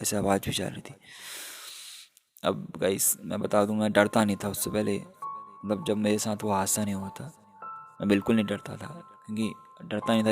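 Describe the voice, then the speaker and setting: A young man tells his own ghost story in a relaxed, chatty way, speaking right to his audience. His voice is low and gravelly with a flat, even delivery. Faint music plays underneath. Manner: chatty, sprinkles English fillers, addresses viewers as guys. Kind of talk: casual first-person horror story telling.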